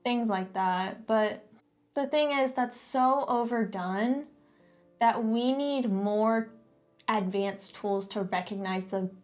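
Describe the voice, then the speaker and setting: A woman's voice: fairly high pitch, slow pace, darkish tone, soft background music. A woman co-hosting a casual book discussion, giving opinionated critique with a sarcastic edge. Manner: critical, sarcastic mock-quoting.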